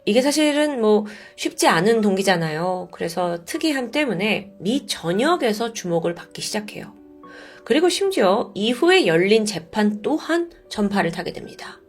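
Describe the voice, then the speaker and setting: Lively woman telling a true-crime story. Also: medium pitch, normal speed, faint music behind. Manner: chatty, expressive, addresses listeners directly. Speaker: storyteller host.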